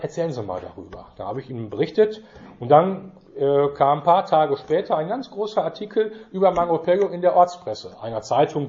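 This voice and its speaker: A man's voice: fairly high pitch, warm tone. A middle-aged man telling stories in a chatty way, acting out the dialogue and using many fillers. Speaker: church representative giving a talk. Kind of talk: anecdotal storytelling talk. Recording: dull lo-fi recording.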